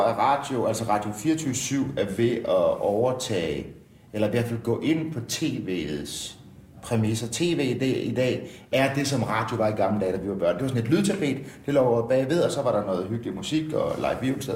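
A man's voice: mid-range voice, expressive, darkish tone, close to an everyday voice. A man playing a rambling, self-satisfied talk-radio host who trips over his own words. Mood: musing. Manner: rambling with many restarts. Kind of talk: satirical talk-radio banter. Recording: roomy studio echo.

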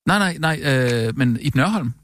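A man with a Danish accent, a comic radio character who talks haltingly, stammers, and fills gaps with "uh". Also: mid-range voice, lively intonation, a bit bright. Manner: hesitant, filler-heavy, stammering. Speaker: comedy radio character on a phone call.

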